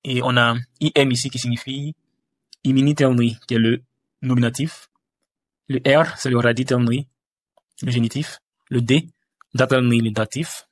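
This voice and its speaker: Male tutor walking through a screen tutorial, halting with fillers, mid pitch, dry room. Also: no room sound. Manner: hesitant, many fillers and restarts. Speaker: language teacher.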